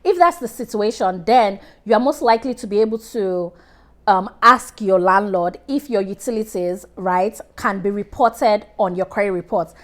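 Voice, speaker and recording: Talking straight to camera at a moderate pace, this woman shares casual money tips as a personal finance vlogger, her voice sitting in the mid range. Her delivery is direct and chatty; she frequently starts sentences over and addresses viewers by name.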